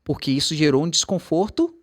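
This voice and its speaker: Fairly quick and on the high side, this man's voice carries a Brazilian Portuguese accent. He's an English teacher chatting casually, telling lively stories and switching into quoted English.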